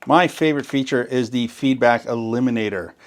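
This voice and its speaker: Fairly quick and medium-pitched, this gear demonstrator walks viewers through configuring a sound system in a step-by-step tutorial. He explains with enthusiasm and keeps stressing what is very important.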